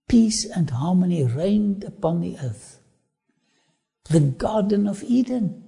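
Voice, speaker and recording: Presenting a travel documentary, this Afrikaans-accented man gives every phrase slow, deliberate weight. His slightly high voice is still dark and husky, roughened by gravel, and he wanders off into sermon-like asides.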